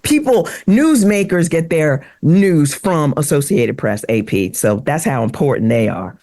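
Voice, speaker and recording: A woman hosting a talk show, introducing topics in a clear, steady way. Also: low-pitched, a little slow. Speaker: host.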